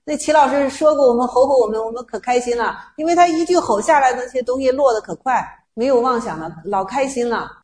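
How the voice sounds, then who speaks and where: A woman's voice: sits high, fast, hardly any pauses, a little mellow. A woman Buddhist teacher giving a dharma talk, telling stories and acting out quoted lines. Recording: roomy echo.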